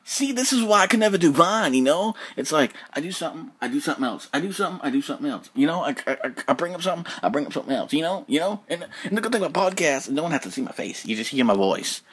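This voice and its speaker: Racing along with hardly a pause, a podcast host speaks in a slightly high, sing-song, fairly bright and somewhat rough voice. Alone on his show after almost a full day awake, he loops back over his points, repeats himself and cusses offhandedly.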